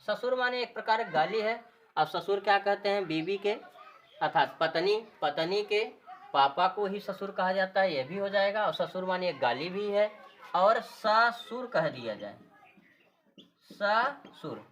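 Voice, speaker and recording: A woman's voice: medium pitch, expressive, moderate pace, slight background noise. A woman teaching a grammar lesson, repeating key terms and answering her own questions. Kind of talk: classroom-style grammar lesson.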